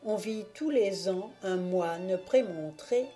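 A woman reads a classic novel aloud as an audiobook. Her voice is mellow and unhurried, and she takes her time over every phrase. A faint bed of music plays behind her. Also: mid-range voice. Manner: slow, measured, dramatic reading. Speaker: audiobook reader. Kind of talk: scripted audiobook narration.

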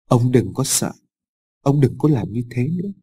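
Man doing a scared weepy old mom in an audio story, soft and pleading, husky. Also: medium pitch, big pitch swings, normal speed, no echo. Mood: fearful pleading. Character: frightened tearful older village mother.

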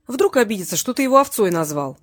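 A woman's voice: medium pitch, big pitch swings, quick pace. A woman voicing a cheerfully menacing tough guy. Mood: mocking. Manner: mocking, cheerful threats. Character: cocky, jokingly menacing male tough guy.

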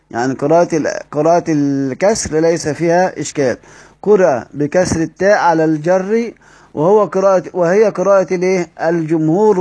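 Egyptian male teacher, slightly high voice, methodical explainer who reads out quotes and quizzes the room. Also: darkish tone. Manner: explains step by step, asks the class rhetorical questions and answers them. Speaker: Quran recitation teacher. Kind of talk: classroom lesson with read-aloud quotes.

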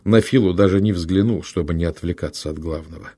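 A man narrating a literary audiobook in a measured, dramatic storytelling manner. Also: sits low, warm tone, breathy edge, no echo, studio quality.

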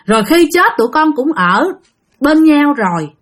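A woman doing a remorseful young man's ghost, tearful pleading, raised pitch. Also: big pitch swings, normal speed. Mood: consoling.

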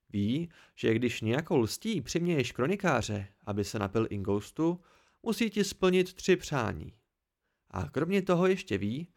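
A calm village innkeeper, read by a man in a homemade audiobook. The delivery stays plain and explanatory, close to the reader's own voice. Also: mid-range voice.

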